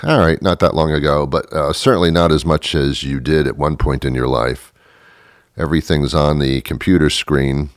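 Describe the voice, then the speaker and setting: Very deep-voiced sarcastic talk host. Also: male voice, steady tone, normal speed, no room sound, clean studio sound. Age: 30s. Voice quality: sarcastic, self-mocking, trailing off. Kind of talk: rambling comic monologue.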